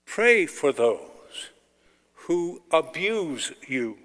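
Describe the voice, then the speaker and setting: A man, a clergyman, solemnly proclaiming scripture in deliberate short phrases, in a cathedral-like echo. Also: a little high, big pitch swings, a bit bright. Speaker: clergyman reading the Gospel. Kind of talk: solemn liturgical Gospel proclamation. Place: large reverberant church. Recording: cathedral-like echo, long reverb.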